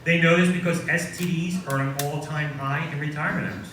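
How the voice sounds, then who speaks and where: A man's voice: on the high side, fairly even intonation, a little fast, a bit bright. A man in his forties performing a stand-up comedy set on a coffee house stage, self-deprecating punchlines delivered to a live crowd. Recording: very echoey room, far mic, audience noise.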